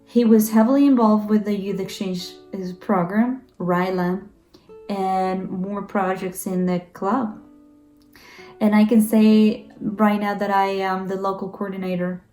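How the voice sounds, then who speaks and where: A woman from Ecuador whose first language is Spanish speaks in a mellow, medium-pitched voice with a steady tone, a little slowly. She's a Rotary exchange coordinator recording an earnest tribute message with some hesitations. The recording has a roomy echo, with faint guitar in the background.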